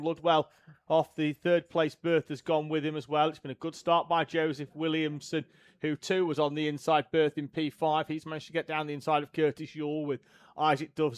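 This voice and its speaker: Man, live karting commentary, brisk name-by-name calls, dry sound. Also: a little high, clean tone, dry recording. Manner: brisk, reels off driver names and positions. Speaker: race commentator.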